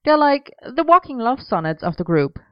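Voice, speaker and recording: A woman narrator voices an excitable, cheeky young man, raising her pitch and bursting with energy. His lines come out animated and exclamatory at a moderate pace, smooth and excited. The recording is dry and slightly muffled.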